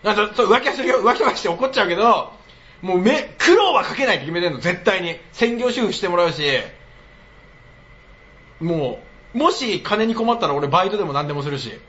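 A man talking casually on a live stream with a bright, forceful tone and a pitch that swoops wildly up and down. He is blunt and teasing and laughs often, and the audio sounds slightly muffled and lo-fi. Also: very animated, fairly quick. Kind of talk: casual livestream chat.

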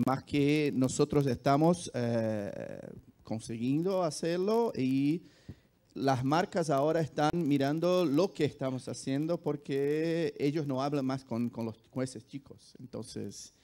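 A man from Brazil with a Brazilian accent, a native Portuguese speaker answering on a panel, haltingly searching for words. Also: medium pitch, warm tone. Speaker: esports executive, panelist. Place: large auditorium stage, indoors. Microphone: handheld microphone.

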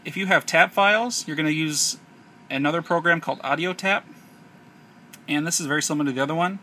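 This American man's fairly high voice sounds pushed and bright as he narrates a spontaneous tech tutorial, explaining the hands-on process one step at a time. Noisy audio from an amateur handheld camera.

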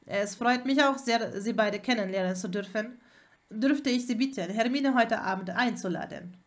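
A woman reading the lines of a polite, calm young male wizard in a fan fiction audiobook. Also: a little high, normal speed, close to an everyday voice. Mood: gentle, polite. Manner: courteous, calm.

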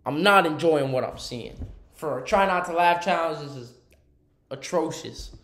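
A man's voice: a little high, lively intonation, moderate pace, a bit bright. A young man giving casual reaction commentary in a slangy, exasperated, ranting way. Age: young adult. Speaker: host of a reaction channel. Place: small room indoors.

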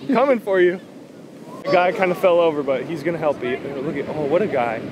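High-pitched frat bro surfer guy. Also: lively intonation, brisk, crowd noise. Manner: laid-back frat bro, surfer slang. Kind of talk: casual chat and excited commentary. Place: outdoors on a beach and car park. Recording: windy outdoor beach recording, surf noise.

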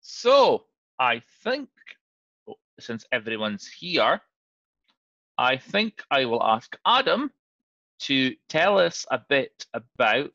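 Lively, bright man hosting a dull video call. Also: mid-range voice, takes it slowly, pauses often, no echo. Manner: friendly, lively, slightly flustered with names. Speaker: meeting facilitator. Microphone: computer mic on video call.

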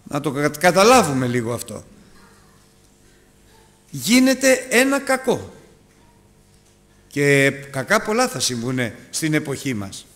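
A man preaching a sermon to his congregation, calling them brothers and moving between loud urgent appeals and hushed asides. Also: very animated, long pauses. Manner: dramatic, rises and drops sharply in pitch and loudness; addresses listeners as brothers.

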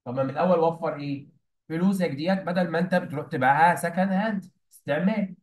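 A man's voice: a little high, quick pace, low-quality recording. A young man with an Egyptian Arabic accent explaining a play scene to students, mixing English words into his Arabic and quizzing them with prompts. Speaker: English teacher.

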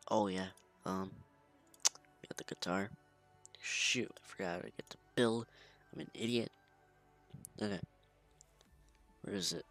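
A man hosting casual gameplay commentary at home late at night, talking quietly and half-whispering into a close microphone. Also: lowish voice, measured pace, vocal fry, pauses often, soft background music. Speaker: gaming channel host. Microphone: desk microphone close to the mouth.

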